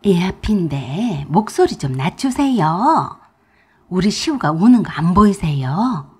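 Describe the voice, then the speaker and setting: A firm older mother from a radio drama, played by a woman, polite on the surface with a sharp edge underneath. Her husky voice moves around a lot as she holds her ground. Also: fairly low pitch, big pitch swings, slow, exaggerated voice. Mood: indignant.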